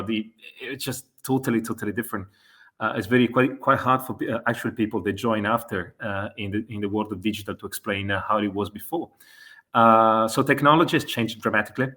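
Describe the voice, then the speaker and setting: A fairly bright, lowish voice belongs to an Italian-accented man in his forties from Italy, a guest working as an e-commerce consultant. He hesitates through interview answers, using lots of fillers and correcting himself.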